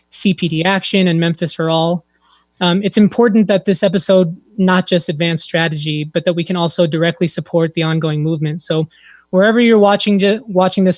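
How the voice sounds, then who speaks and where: A man's voice: high voice, no echo. A man co-hosting a live political panel show, giving announcements and putting questions to guests. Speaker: co-host.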